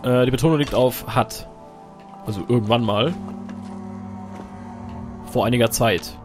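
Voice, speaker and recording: A man's voice: mid-range voice, a little slow, over music. A man giving casual, joking let's play commentary while he plays, talking to himself and his companion.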